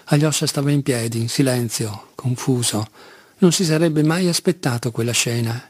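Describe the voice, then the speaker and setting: A man reading a classic novel aloud as an audiobook narrator, in a measured, even storytelling manner. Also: medium pitch, husky, dry recording. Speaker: audiobook reader.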